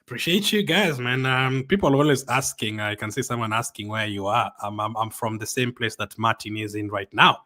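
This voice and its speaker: Excited man hosting a fan live stream. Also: mid-range voice, a little fast, few pauses. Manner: excited and chatty, with frequent "um" and "man". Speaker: fan channel host. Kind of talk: live stream, reading viewer comments aloud.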